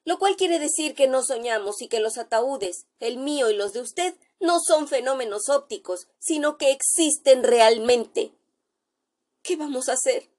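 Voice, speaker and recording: A woman's voice: high-pitched, animated, a little slow, darkish tone, voice pushed up. A woman doing a terrified trembling male doctor. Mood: shaken. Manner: panicked, pleading, breathless exclamations.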